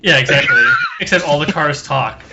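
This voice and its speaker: A man's voice: on the high side, moderate pace, highs cut off, very noisy. A tired man co-hosting a casual podcast, rambling with lots of fillers and self-deprecating jokes. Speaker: podcast co-host.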